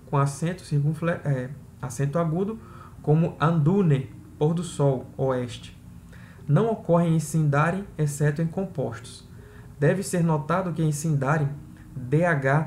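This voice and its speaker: A man, hosting a podcast, reads pronunciation rules aloud slowly and then explains them in casual asides. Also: on the high side. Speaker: podcast host.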